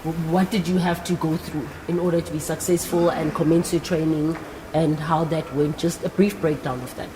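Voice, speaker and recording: Her voice sits low, holding a steady tone at a normal pace, as this South African woman hosts a live career talk show interview in front of young guests. She speaks directly to her audience in an encouraging way, and the recording has an echoing hall with faint background noise.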